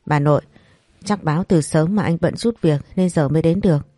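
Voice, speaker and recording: A woman's voice: deep voice, fairly quick, dark tone, no room sound. A woman voicing a young man who jokes dryly with his younger brother. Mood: joking. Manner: dry joking. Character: relaxed, joking older brother, young man.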